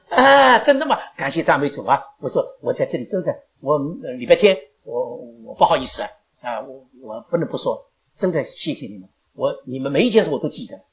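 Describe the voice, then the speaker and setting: An older woman speaking to her church congregation, animated and rambling, laughing often and slipping in English phrases. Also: low-pitched. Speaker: elderly church member giving thanks. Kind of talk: emotional speech to a congregation. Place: church gathering.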